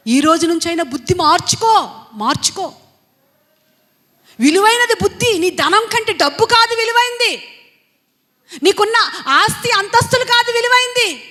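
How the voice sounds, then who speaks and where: A woman's voice: extremely high pitch, bright, forceful tone. A woman preaching a Sunday sermon, speaking emphatically, repeating her phrases and asking the congregation rhetorical questions. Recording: long hall reverb.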